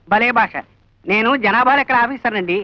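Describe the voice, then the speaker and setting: Excitable census officer, exasperated outbursts; squeaky high, dry sound. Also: male voice, normal speed, no room sound, highs cut off. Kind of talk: film comedy scene.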